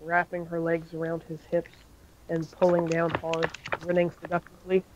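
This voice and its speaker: Flat-voiced man reading fan fiction. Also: fairly high pitch, moderate pace, lo-fi sound, heavy background noise. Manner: monotone reading with slips and self-corrections. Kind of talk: amateur story reading.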